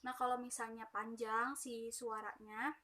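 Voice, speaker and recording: A woman's voice: fairly high pitch, flat delivery, measured pace, sharp tone. A young woman giving casual, chatty tips on singing technique, with plenty of fillers. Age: young adult. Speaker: student presenter.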